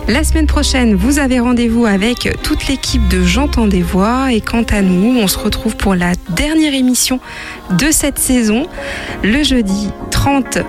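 A woman hosting a radio show, reading a fable aloud in a lively, expressive way. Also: on the high side, measured pace, music in the background. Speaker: radio host and storyteller. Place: radio studio.

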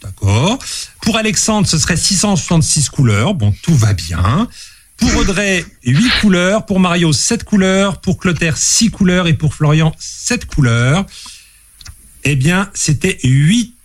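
A man's voice: sits high, sing-song, measured pace. A man hosting a casual online quiz, playful and teasing as he reads out questions and answers. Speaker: quiz host.

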